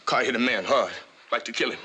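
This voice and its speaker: An actor playing a frightened young man on the run, hushed and panicky. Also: mid-range voice, a little fast, noisy background, natural voice. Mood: panicked.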